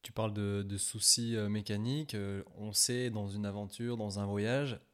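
Low-voiced male interviewer. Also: level tone, normal speed, a bit bright, clean tone. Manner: informal, uses the familiar 'tu'. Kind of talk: casual interview questions.

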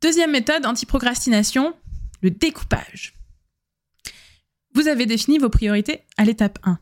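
A woman's voice: fairly high pitch, expressive, moderate pace. Chatty woman giving podcast advice. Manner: chatty, many fillers and self-corrections. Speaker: podcast host. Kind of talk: casual solo podcast advice.

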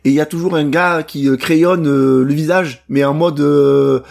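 A man's voice: on the high side, steady tone, normal speed, gravelly, darkish tone. A man as a podcast guest in casual chat, hesitant, with short agreeing replies.

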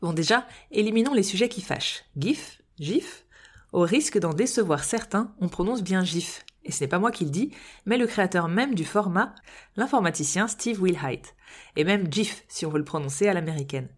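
A woman's voice: lowish voice, expressive, brisk. A woman hosting a podcast, reading a scripted explainer with wry, playful asides. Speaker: podcast host.

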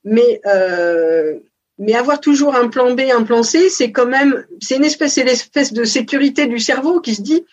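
Breathy woman in her 40s, founder chatting in an interview, lots of ums, kinda muffled recording. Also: a little high, animated, moderate pace, darkish tone. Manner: thoughtful, hesitant with many fillers. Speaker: business founder guest. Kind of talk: casual interview conversation. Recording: dull lo-fi sound.

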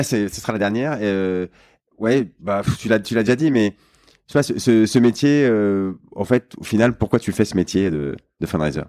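A man's voice: lowish voice, darkish tone, no echo, clean studio sound. A man hosting a podcast interview, talking casually with many fillers and restarts. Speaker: podcast host.

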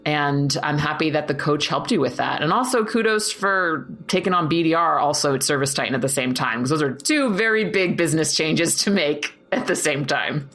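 Host casting: encouraging interviewer, mid-pitched, upbeat and chatty. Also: animated, brisk, hardly any pauses, a bit bright. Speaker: podcast host. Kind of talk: conversational interview.

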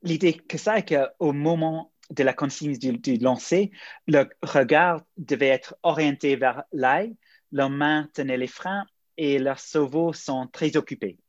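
A man from England with an English accent explains research as an interview guest, in halting, broken non-native French with grammatical slips. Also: fairly high pitch, dry recording, lo-fi sound. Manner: halting, hesitant delivery.

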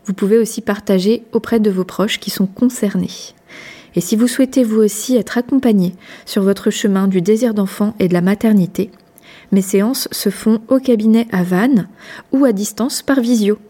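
Brief: woman host, mellow warm voice, calm read-out outro. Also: mid-range voice, moderate pace. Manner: calm, even, read aloud. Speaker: podcast host. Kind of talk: scripted outro.

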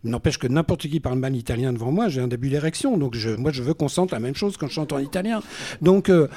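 A man's voice: mid-range voice, expressive, fast, mellow. A man, a singer-songwriter, talking bluntly and with animation in a casual panel discussion, swearing freely.

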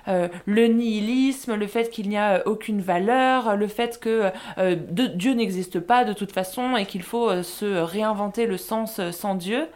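Une femme qui anime un balado et enchaîne les questions sur un ton vif. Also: female voice, mid-range voice, unhurried, few pauses, a little mellow. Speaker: podcast host. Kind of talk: podcast talk.

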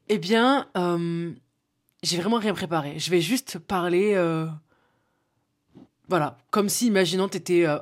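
A young woman with a Toulouse accent, telling a spontaneous story on her podcast and talking straight to the listener. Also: lowish voice. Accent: Toulouse, southern French. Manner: spontaneous, chatty, addresses listener directly, many fillers. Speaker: podcast host. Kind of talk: casual solo podcast storytelling.

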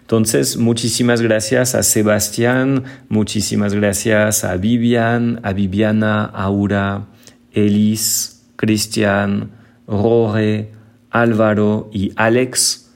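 A man with a French accent from northern France talks through listener questions as a language teacher on his own podcast. His voice sits a little low, and he explains things patiently, often repeating a word as he reaches for the next one. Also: level tone, slow pace, creaky. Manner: explanatory, repeats words while searching for them.

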